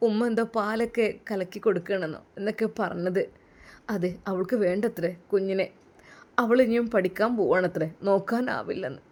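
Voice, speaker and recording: A woman's voice: mid-range voice, normal speed, darkish tone, natural voice. A woman voicing a young religious teacher who talks in a sorrowful, tender way, with a Malappuram Malayalam accent. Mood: grieved. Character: stern religious young man, grieving father figure.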